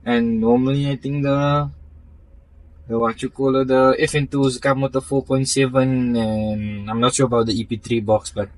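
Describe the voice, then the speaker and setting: A man's voice: mid-range voice, steady tone, normal speed, dry recording, rough recording. A man explaining his car build in a casual interview, talking in stops and restarts with many fillers and technical terms.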